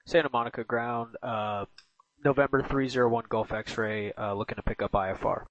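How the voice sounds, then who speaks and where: A man's voice: medium pitch, steady tone, normal speed, a bit bright, slight background noise. A man flying as a pilot, calling ground control over an aviation radio transmission and hesitating as he reads back. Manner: hesitant, many uh fillers. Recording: muffled dry radio audio.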